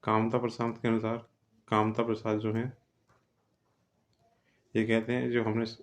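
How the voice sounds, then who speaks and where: A man's voice: on the low side, monotone, a little slow. A man teaching an exam-prep grammar lesson, explaining step by step and often checking with "theek hai".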